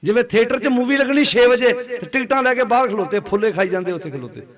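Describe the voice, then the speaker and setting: A man's voice: very high-pitched, lively intonation, fast talker. A man giving a Sikh sermon to a congregation and often asking them to answer aloud. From Punjab. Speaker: Sikh preacher. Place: gathering before a congregation.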